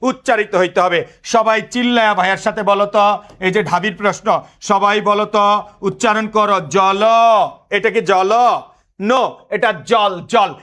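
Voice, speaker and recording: Give me a high-voiced male tutor who keeps asking his class to repeat answers. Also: fairly even intonation, normal speed, bright, forceful tone. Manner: drills students with repeated questions; code-switches into English words. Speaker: teacher. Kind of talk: exam-prep lesson.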